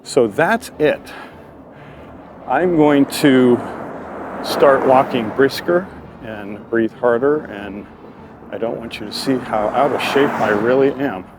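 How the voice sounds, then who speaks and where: Walking outdoors beside a road, a man hosts his own casual vlog, talking informally in a rambling, stop-and-start way. His mid-range voice is slow, with long pauses, and background noise can be heard.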